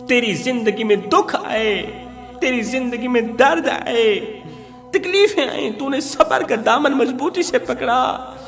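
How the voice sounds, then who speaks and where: Recorded with music and a long hall reverb, a Pakistani-accented man preaches a moral tale, dramatic and declamatory, hammering home his points through repetition. His very high, slightly bright voice is animated yet takes its time. He is a preacher and religious storyteller.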